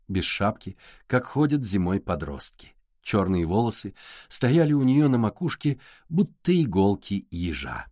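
A man reading a novel aloud as an audiobook narrator, with even, unhurried storytelling. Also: on the low side, dry recording, studio quality. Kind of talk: scripted narration.

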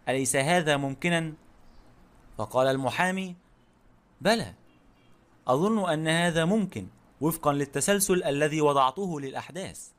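A man giving steady, scripted audiobook narration of a novel. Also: fairly high pitch.

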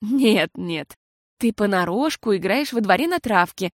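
A woman voicing a patient, tired mother who talks slowly and soothingly. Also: medium pitch, lively intonation, no room sound, studio quality. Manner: slow and soothing.

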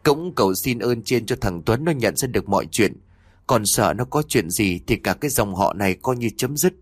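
A man's voice: on the low side, expressive, moderate pace, dry recording, studio quality. A man doing a fearful older mother. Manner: pleading, trembling.

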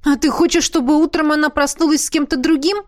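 A woman voicing a blunt, sharp-tongued young woman who talks in a brisk, commanding way in an audiobook. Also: sits high, fairly even intonation, pitched above the performer's own voice, close to an everyday voice. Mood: dry. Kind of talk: audiobook reading.

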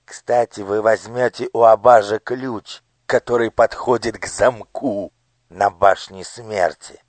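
A man voicing a cruel male minister with a squeaky, shrill voice in an audiobook. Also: fairly even intonation, slow pace, dry recording. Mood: scheming. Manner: menacing, shouting threats. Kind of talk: audiobook character voice.

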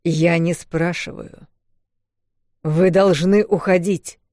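A woman's voice: on the low side, steady tone, warm tone, no room sound, studio quality. Woman playing Miafor, a grim giant wolf. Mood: stern. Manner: slow, firm, growled commands. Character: huge male wolf, grim cold and domineering.

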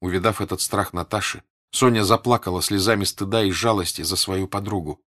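A man giving a measured audiobook reading of a classic novel. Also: low voice, fairly bright tone. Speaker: narrator.

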